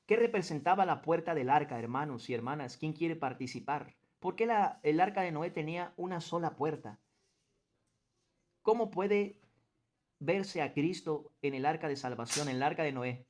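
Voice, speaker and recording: A man's voice: fairly high pitch, animated, moderate pace. A man leading a group Bible study in an earnest, teaching manner, reading passages aloud and putting questions to the group. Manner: earnest teacher who quizzes the group and stresses points.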